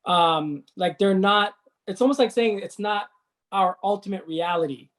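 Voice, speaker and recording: A podcast host in a casual interview, gently probing and questioning the guest's wording. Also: medium pitch, unhurried.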